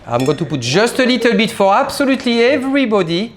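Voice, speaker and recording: A man who works as a sommelier leads a live champagne tasting class in a private tasting room. He talks animatedly and explains as he demonstrates, with a very high voice and a fast delivery.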